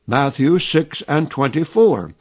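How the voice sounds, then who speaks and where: Slow, high-voiced radio preacher man. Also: lively intonation, darkish tone, slightly rough, dull audio. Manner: slow, emphatic preaching, reciting scripture. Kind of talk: radio sermon.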